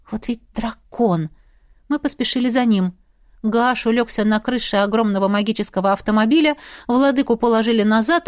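A woman narrating a first-person fantasy audiobook in an expressive reading voice. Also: fairly high pitch, no room sound, clean studio sound. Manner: expressive, acting out dialogue.

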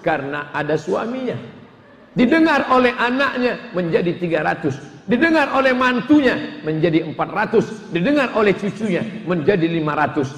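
High-voiced preacher in an echoey hall. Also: male voice, normal speed. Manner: lively storytelling with comic acted-out asides. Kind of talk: humorous sermon. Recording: echoey hall with long reverb.

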